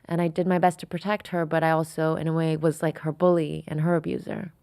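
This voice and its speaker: With a low, dark voice and flat, quick delivery, this French podcast guest in her thirties reflects openly in a candid interview, often using fillers. The recording is dry, with clean studio sound.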